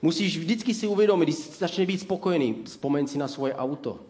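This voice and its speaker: A man preaching an ironic sermon, giving sarcastic mock advice and telling stories in an animated way. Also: on the high side.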